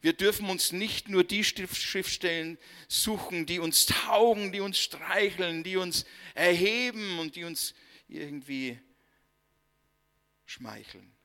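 Slow, bright-voiced German preacher in a reverberant hall. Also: male voice, high voice. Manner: slow, emphatic preaching with dramatic pauses and soft, dropped line endings. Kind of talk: sermon.

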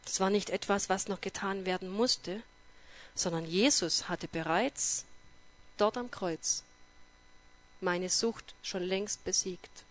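A woman telling her personal faith testimony in a lively way, acting out dialogue and turning earnest and emotional when she reflects. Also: mid-range voice, slow. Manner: lively storytelling that acts out dialogue.

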